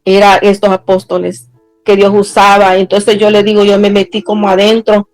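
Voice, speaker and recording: A woman's voice: completely flat delivery, a little mellow, dry recording, faint music behind, rough recording. A middle-aged woman, giving a personal testimony sermon in an earnest way, drawing out words as she stresses a point. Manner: earnest, slows down and rises in pitch when stressing a point. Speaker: preacher.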